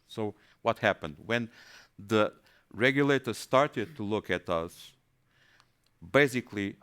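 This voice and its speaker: A man presenting in a webinar, his voice low and smooth. He hesitates often, repeating words as he searches for the next phrase. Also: a bit bright. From Portugal. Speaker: panelist.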